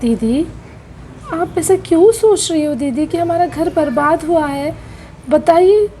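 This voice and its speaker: Woman doing a gentle pleading mother. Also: extremely high pitch, unhurried, slight background noise, low-quality recording. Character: gentle middle-aged mother, peacemaker. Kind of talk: doll-play soap drama.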